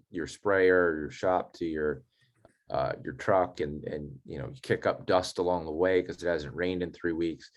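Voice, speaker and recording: A man giving a technical lecture on herbicides in a folksy, practical way, with many casual fillers. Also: sits low. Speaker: turf science presenter.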